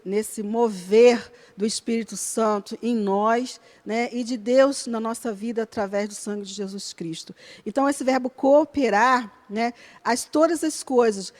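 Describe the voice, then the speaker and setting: A woman leads a church Bible study class. Her voice sits high, and she explains each verse earnestly and step by step. She keeps checking in with her listeners through short tag questions. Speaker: Bible school teacher.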